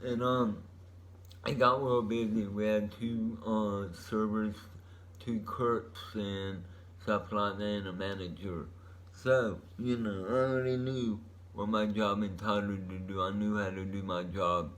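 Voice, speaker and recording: Low-voiced man, laid-back rambling stoner drawl. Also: fairly even intonation, unhurried, fairly bright tone. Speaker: vlogger. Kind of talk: rambling casual monologue.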